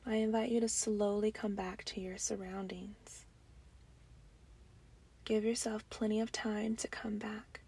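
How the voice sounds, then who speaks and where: A woman's medium-pitched voice, showing little pitch movement, carries a gentle breathing meditation. She lets breathy phrases slip nearly into whispers and allows long pauses to settle between them.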